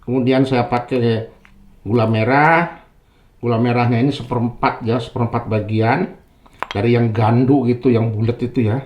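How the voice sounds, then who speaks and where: A man's voice: mid-range voice, fairly even intonation, moderate pace, roomy sound, lo-fi sound. Chatty man hosting a cooking lesson. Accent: Indonesian, with Sundanese terms. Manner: chatty, friendly, ends phrases with "ya". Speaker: cooking channel host. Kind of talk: home cooking tutorial. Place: home kitchen. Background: frying and sizzling.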